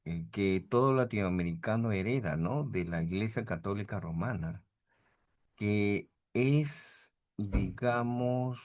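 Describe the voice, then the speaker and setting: A middle-aged man, a priest, giving an informal theology lecture over a video call, often ending sentences with a questioning "no" and acting out the voices of people he quotes. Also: lowish voice. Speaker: priest teaching a theology class.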